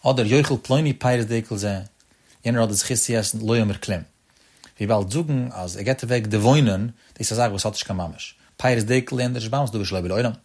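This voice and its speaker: A man's voice: on the low side, fast talker, a little mellow, husky. A man giving a traditional religious text-study lesson, explaining step by step in a sing-song cadence and repeating the key terms.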